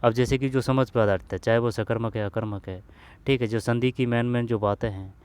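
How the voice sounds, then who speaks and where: A man talking through old exam questions in a relaxed, informal lesson. He mutters and repeats phrases while he works each one out, and keeps checking in with the viewer. His voice sits at an ordinary middle pitch. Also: brisk, clear, resonant tone. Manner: thinks aloud, repeats phrases, mutters to himself; addresses viewers as bhai, asks if they understood. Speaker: exam coach. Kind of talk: casual Hindi grammar lesson solving old exam questions.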